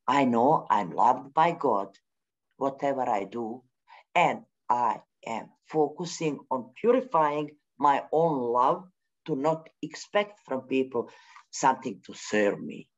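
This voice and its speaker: A woman from Bosnia, whose first language is Bosnian, speaks slowly but animatedly in a very deep voice. She is a forum speaker giving a spontaneous spiritual talk, halting and searching for words with many pauses, and her English grammar is non-native. The recording is dull and lo-fi.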